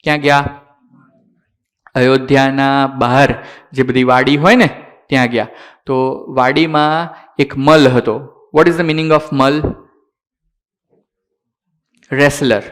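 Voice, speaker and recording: A man telling a sacred story to children in a sermon. He talks slowly, asks the listeners questions and answers them himself, and mixes in English words. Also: medium pitch, steady tone. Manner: slow, deliberate delivery.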